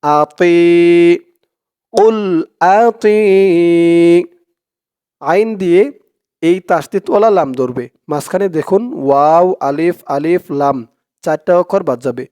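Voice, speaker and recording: Man, high voice, smooth and clear, Quran reading teacher, slow syllable-by-syllable lesson. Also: a little mellow, no echo, clean studio sound. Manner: breaks words into syllables and chants verses slowly. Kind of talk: slow step-by-step recitation lesson.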